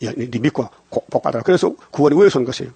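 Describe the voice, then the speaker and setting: A man's voice: medium pitch, expressive, racing, gravelly, mellow, slightly rough. An older man preaching a dawn sermon, firing questions at the congregation and answering them himself. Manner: call-and-response questions to the congregation.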